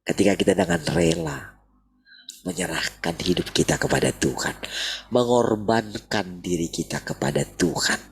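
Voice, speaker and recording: Male preacher, husky voice, lively pitch, casual sermon delivery. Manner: animated, repeats "gitu" often. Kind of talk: sermon over video call.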